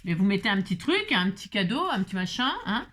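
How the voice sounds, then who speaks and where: A woman's voice: medium pitch, sing-song, fast, fairly bright tone, a little hiss or hum. A woman hosting a craft tutorial, chatty and playful, talking to herself as she works and laughing often. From France. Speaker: craft video host. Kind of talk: casual craft tutorial talk.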